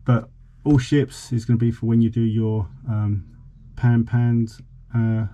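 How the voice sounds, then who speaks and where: A vlogger in his forties gives a relaxed, somewhat hesitant boat radio demonstration. His mid-range voice is flat, unhurried and dark, heard against a clearly noisy background.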